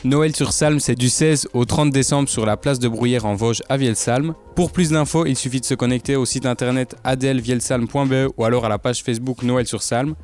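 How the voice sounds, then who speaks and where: A man with a mid-range voice, hosting a radio segment. He reads scripted announcements clearly and evenly. Soft music runs under him. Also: mid-range voice, fairly even intonation, normal speed, few pauses. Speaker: radio host.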